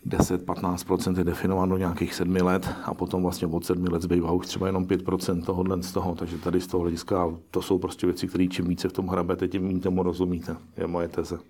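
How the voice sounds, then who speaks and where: A middle-aged man with a very low voice speaks in a flat, even tone. He is being interviewed about his work as an investor. He talks in a pragmatic, musing way, often breaking off and restarting his sentences. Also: few pauses. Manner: pragmatic, musing, self-correcting. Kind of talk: interview answers.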